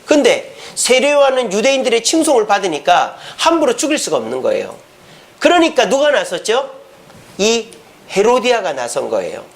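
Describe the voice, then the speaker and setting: A middle-aged male pastor preaching a lively storytelling sermon, often asking the congregation questions. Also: sits high, normal speed, vocal fry.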